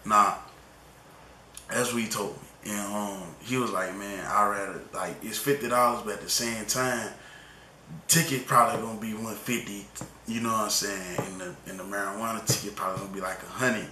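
A man's voice: fairly low pitch, steady tone, normal speed, a little hiss or hum. A young man rambling through a storytime vlog in casual slang, often tagging on "you know what I'm saying". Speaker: vlogger telling a story. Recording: echoey room with loud music behind.

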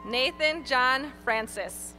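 A woman reading graduates' names one by one at an outdoor graduation ceremony, in a clear, measured announcing manner. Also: sits high, pushed and bright, soft background music. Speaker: graduation name reader. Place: outdoor stadium ceremony over PA.

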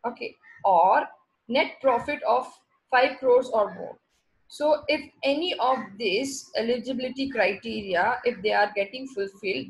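A woman's voice: fairly high pitch, vocal fry, poor audio. A woman with a South Indian accent teaching an online class over a video call, explaining by repeating and rephrasing her points. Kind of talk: slide lecture with repeated check words.

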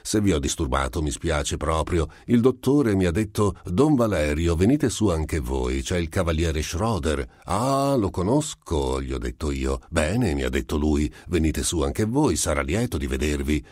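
Guy doing a cunning smooth talker, real low voice, asks pointed questions all polite. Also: expressive, unhurried, darkish tone, dry recording, clean studio sound, heavily acted. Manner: probing, smooth, falsely apologetic. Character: sly, composed male gentleman questioner.

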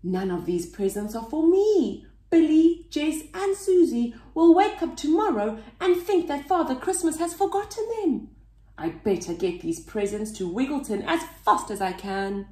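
A woman voicing an eager, good-hearted little slug boy, talking in an excited, earnest way. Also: high voice, moderate pace, reverberant, pitched above the performer's own voice. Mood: worried.

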